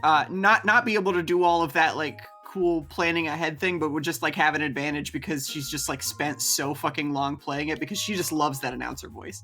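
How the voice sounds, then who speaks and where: Bright-voiced, rambling co-streamer. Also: medium pitch, a little fast, hardly any pauses, faint music behind. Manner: rambling, many fillers and restarts, laughs easily, casual swearing. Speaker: co-streamer, guest. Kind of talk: casual chat while gaming live.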